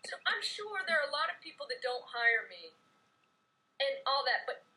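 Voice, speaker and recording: A woman's voice: high-pitched, very animated, normal speed, bright, forceful tone, a little hiss or hum, poor audio. A middle-aged woman jazz guitarist talking candidly in an interview over a video call, swearing freely and telling stories with energy.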